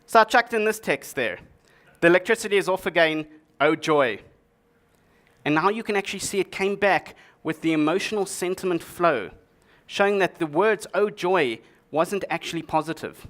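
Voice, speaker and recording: A man presenting a tech talk on stage, speaking in a slightly higher register. His delivery is jokey and lively, mixing quips into the presentation. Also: normal speed, few pauses. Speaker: conference speaker. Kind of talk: humorous tech conference talk.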